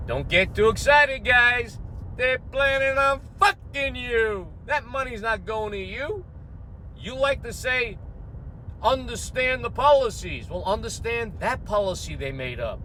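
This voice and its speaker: High pitched queens new york guy, middle aged, ranting and cursing, bit of noise behind him. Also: a bit bright, rough recording. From Queens, New York, United States. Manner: brash, profane, emphatic. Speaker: host of a finance commentary channel. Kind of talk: unscripted political rant to camera.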